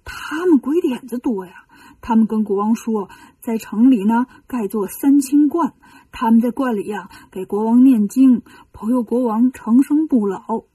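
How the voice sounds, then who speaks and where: A woman's voice: on the high side, normal speed, mellow, breathy edge, no room sound, recorded from a distance. A woman voicing a group of frightened male monks in a children's storybook, speaking in a worried, pleading manner.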